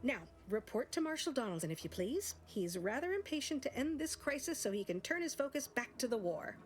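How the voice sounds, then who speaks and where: An actress playing a prim, sardonic scientist in a video game, speaking with dry precision. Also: female voice, high voice, very animated, a little fast, faint music behind. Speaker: game character.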